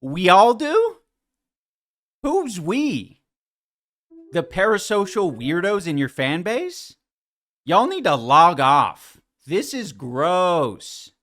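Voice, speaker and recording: A man's voice: sits high, huge pitch swings, very slow, long pauses, fairly bright tone. A man streaming live, reacting to clips with sarcastic, mocking commentary and frequent laughter.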